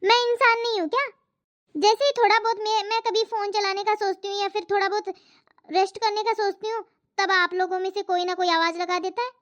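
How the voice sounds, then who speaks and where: A woman voicing an overworked housewife and mother in an animated family story, scolding and complaining about her chores. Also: extremely high pitch, fairly quick. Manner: complaining, scolding, talks to herself. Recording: muffled lo-fi voice track.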